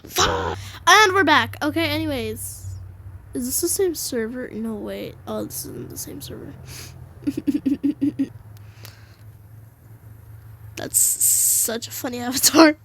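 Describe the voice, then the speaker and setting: A young woman giving casual, giggly gameplay commentary, excitable and slangy, with sudden shrieks. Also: high-pitched, slow, pauses often, slight background noise. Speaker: gamer.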